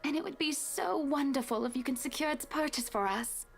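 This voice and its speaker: A woman's voice: high-pitched, animated, fairly quick, gravelly, faint music behind, voice pushed up. Lady doing a sugary stuck-up rich woman, talks down to everyone. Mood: condescending. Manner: sweetly condescending, drawling.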